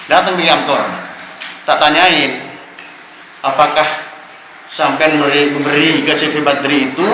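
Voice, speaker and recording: A man, making an impassioned complaint at a council hearing and insistently addressing the officials as "Pak" after nearly every phrase. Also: on the high side. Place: council meeting room. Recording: echoey room with steady background noise.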